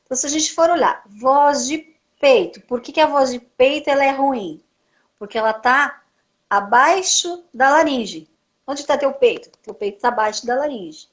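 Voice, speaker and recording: A woman's voice: high voice, lively intonation, moderate pace. A woman speech therapist explaining voice technique on a live stream, asking rhetorical questions and answering them herself. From Brazil. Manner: frequent tag "né".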